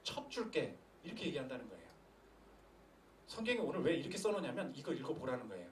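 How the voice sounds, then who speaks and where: A young man preaching a sermon in a church, telling the story in a lively way, with rhetorical questions and acted-out quotes. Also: medium pitch, racing, a little hiss or hum. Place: church sanctuary. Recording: echoey room from a distance.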